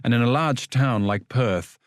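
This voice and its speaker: A man's voice: medium pitch, unhurried, no echo, clean studio sound. A man reading a literary story as a scripted audiobook narration.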